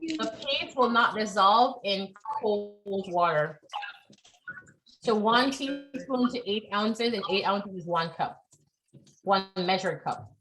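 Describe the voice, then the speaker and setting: A woman's voice: medium pitch, lively intonation, slow pace, a bit bright, a little hiss or hum, poor audio. A woman leading a live online cooking class, chatty and encouraging, often checking in with her students.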